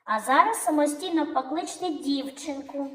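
A woman teaching young children, calling out words in a drawn-out sing-song way. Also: high-pitched, roomy sound, poor audio. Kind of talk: children's lesson narration.

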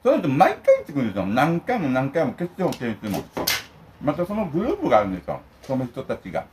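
A man's voice: medium pitch, huge pitch swings, quick pace, background noise. An older man ranting indignantly and emphatically to his viewers while eating lunch at home. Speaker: vlogger.

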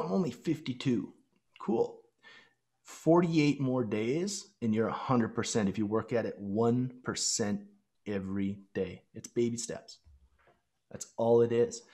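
A man in his thirties speaks through a headset from a small room at home, guesting on a podcast. He coaches the listeners directly and earnestly, at a mid pitch that is common for a man. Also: a little mellow. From Canada. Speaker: fitness and lifestyle coach guest. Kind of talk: podcast interview over video call. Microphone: headset on a video call.

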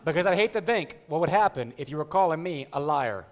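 A man's voice: a little high, lively intonation, brisk, in a large hall, lightly acted. A man playing a touchy, grandiose mob boss in a stage comedy, theatrical and needling. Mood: menacing. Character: Italian-American mob boss, touchy, grandiose, menacingly genial. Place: church-style hall stage before an audience.

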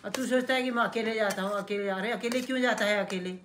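A woman's voice: mid-range voice, steady tone, fast, a bit bright, slight background noise. A middle-aged mother earnestly lecturing her son in casual family talk.

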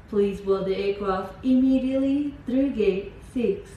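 Woman, airport announcer over a PA system, very slow and measured, echoey with faint hiss. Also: medium pitch.

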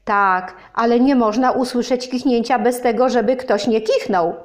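A woman's voice: fairly high pitch, normal speed, natural voice. A woman voicing a small-brained, humble honey bear in a children's storybook reading, polite and timid. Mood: timid insisting. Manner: polite, timid, stumbles over long words.

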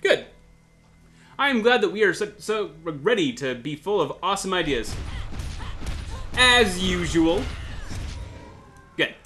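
A high-voiced, bright-toned man gives relaxed, unhurried commentary on a video game. He is sarcastic, jokes to himself and swears freely. Soft game music plays behind him. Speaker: gamer playing a video game. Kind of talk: casual let's-play commentary.

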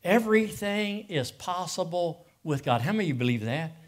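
A man's voice: sits high, animated, normal speed. A middle-aged man from preaching a sermon as pastor, emotional and passionate, often repeating words as he goes.

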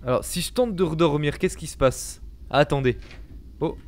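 A young man's voice, on the high side and at normal speed, narrates a horror game in a panicky, startled, sweary way. He is close to a desk microphone with a headset on, indoors in a small home gaming room.

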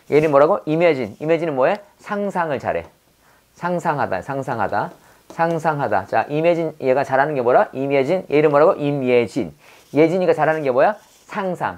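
A woman with a notably low voice leads a vocabulary lesson. She stretches English words out syllable by syllable and repeats them several times. Between the words she keeps asking her viewers quick quiz questions. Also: darkish tone. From South Korea. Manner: repeats words and quizzes the viewer, drawn-out pronunciation drills. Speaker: English teacher. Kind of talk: vocabulary lesson with mnemonic wordplay.

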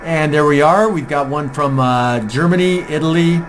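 At his home radio desk indoors, an American amateur radio video host with a slightly high voice gives an informal, hands-on demonstration at a moderate pace. Shortwave receiver noise and signals come through clearly as static in the background.

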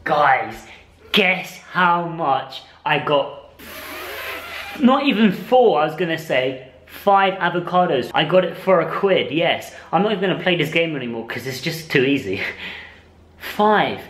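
A man's voice: on the high side, animated, moderate pace, echoey room, slight background noise, rough recording. A man in casual vlog chat, enthusiastic and chatty, laughing often as he shows his shopping. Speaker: vlogger.

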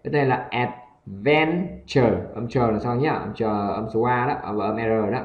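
A man's voice: mid-range voice, measured pace, echoey room, lo-fi sound. Vietnamese man teaching English pronunciation. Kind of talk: pronunciation lesson reading a story aloud.

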